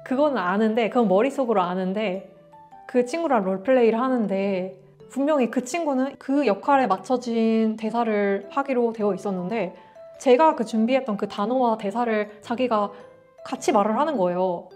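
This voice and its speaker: Young woman, animated storyteller. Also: a little high, moderate pace, faint music behind. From Korea. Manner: animated, acts out dialogue in quotes. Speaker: vlogger. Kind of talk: casual storytelling to camera.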